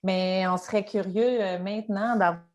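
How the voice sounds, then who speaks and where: A woman's voice: medium pitch, steady tone, moderate pace, darkish tone. A woman co-hosting an online teacher webinar in an upbeat, encouraging way, her headset mic audio choppy and cutting out. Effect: choppy headset mic audio that keeps cutting out. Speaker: webinar co-host. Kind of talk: casual online presentation. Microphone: headset mic on a video call. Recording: unsteady, dropping call audio.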